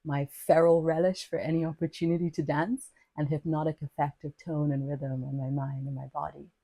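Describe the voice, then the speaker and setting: The speaker is a woman from Nigeria who hosts a podcast, narrating her own scripted essay, lyrical and playfully wordy with self-mockery. Her deep voice is dark in tone, fairly quick and flat in delivery, and the dry recording has poor audio.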